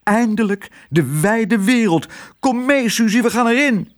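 A man voicing an eager, adventurous little male mouse in a storybook reading, high and jubilant. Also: sing-song, moderate pace, a bit bright. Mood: thrilled.

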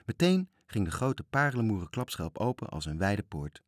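A man reading a children's story aloud in a calm, even storytelling manner. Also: lowish voice, moderate pace, dry recording, studio quality.

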